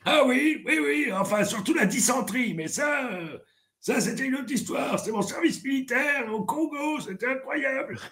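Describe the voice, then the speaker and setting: Shameless old grandpa for a comedy sketch: squeaky, sharp-toned, rambling, blurts out curses. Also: male voice, expressive, normal speed, heavily acted. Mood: crude rambling. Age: older. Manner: rambling, foul-mouthed, bursts into shouts.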